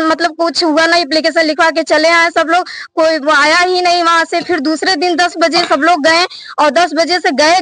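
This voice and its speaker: A woman's voice: very high voice, bright, forceful tone, no echo. A young woman, sister of the victim, urgently recounting an incident to a news reporter with many restarts.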